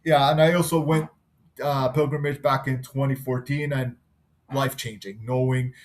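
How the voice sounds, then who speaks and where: A man in his thirties from Canada, an engineer giving an unscripted class presentation. He talks easily and pauses now and then while working on his screen. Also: medium pitch, a little mellow.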